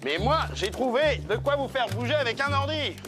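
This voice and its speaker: An actor playing a bossy, mocking middle-aged gym teacher in a live-action TV series, barking and sarcastic. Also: male voice, extremely high pitch, lively intonation, normal speed, over music.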